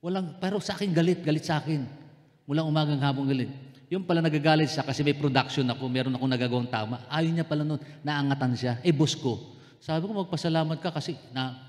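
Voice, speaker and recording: Filipino pastor preaching in a reverberant hall. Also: male voice, fairly high pitch, fast, a little mellow. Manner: conversational, joking with the congregation, calling out to them. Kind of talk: sermon. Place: church hall. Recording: long reverb in a church hall.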